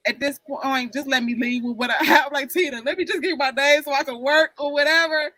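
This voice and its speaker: A woman's voice: sits high, steady tone, fairly quick, pushed and bright, no echo, rough recording. A woman in her forties talking candidly in a casual group chat, rambling and often repeating herself. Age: 40s. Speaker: panel guest.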